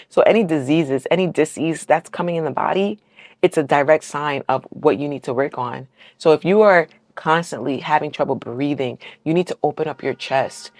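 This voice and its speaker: A woman's voice: low voice, dry recording. Encouraging woman giving a tarot reading. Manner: encouraging, affirming, keeps asking "right?"; heartfelt, close to tears at times. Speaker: tarot reader. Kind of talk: casual collective tarot reading.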